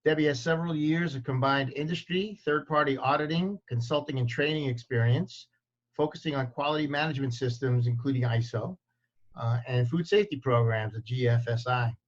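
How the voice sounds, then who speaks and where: A man's voice: medium pitch, a little fast. A man hosting an online meeting, introducing the speaker with frequent fillers. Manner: reads the bio with many fillers. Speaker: meeting host. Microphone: video call. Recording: dull lo-fi video call audio.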